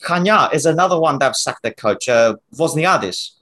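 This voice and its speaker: A man's voice: a little high, lively intonation, moderate pace, fairly bright tone. A man discussing football in a casual panel chat, often restarting and repeating words.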